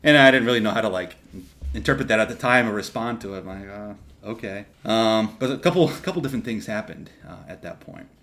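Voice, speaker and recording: Low-voiced young man telling his story. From Texas, USA. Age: young adult. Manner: animated, quick asides and restarts. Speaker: podcast guest, seminarian. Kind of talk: casual storytelling.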